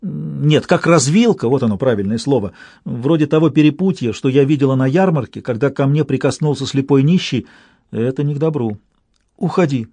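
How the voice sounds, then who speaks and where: A man reading a story aloud in measured, scripted narration. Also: medium pitch, dark tone, no echo. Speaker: audiobook reader.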